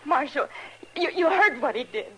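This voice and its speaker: An actress playing a scheming, frightened frontier widow in a 1950s radio western, with an anxious, pleading delivery. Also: female voice, sits high, lively intonation, moderate pace, background noise. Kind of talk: 1950s radio drama acting.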